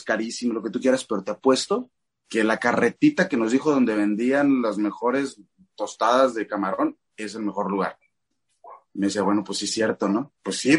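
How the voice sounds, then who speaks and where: A middle-aged Mexican man with a Mexican Spanish accent, a father telling an animated story as a guest in a casual chat. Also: medium pitch, breathy edge. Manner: animated storyteller acting out quoted voices.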